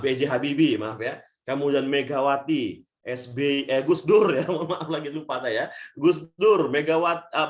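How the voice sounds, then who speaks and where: This webinar talk comes from a leadership coach from Indonesia speaking on a video call. He shifts between loud and soft, often treats the audience as friends in how he addresses them, and says his natural voice is thin and shrill.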